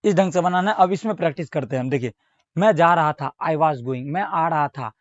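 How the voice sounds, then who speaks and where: A man with an Indian accent teaching English grammar in Hindi, reading example sentences slowly and carefully. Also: on the high side, dry recording. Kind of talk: Hindi-language grammar lesson with spoken examples. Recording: dull, slightly lo-fi recording.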